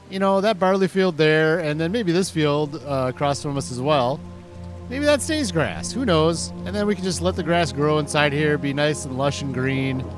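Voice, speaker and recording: A man casually commenting on his own farming game, rambling and thinking aloud in an easygoing way. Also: a little high. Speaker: gaming channel host. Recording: music playing under the voice.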